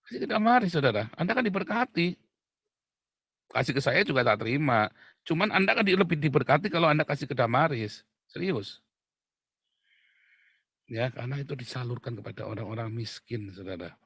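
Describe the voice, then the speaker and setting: Man, middle-aged, pastor, casual joking sermon, gravelly voice, dry sound. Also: lively intonation, fairly quick, pauses often, dry recording. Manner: joking, swings between low murmurs and loud shouts.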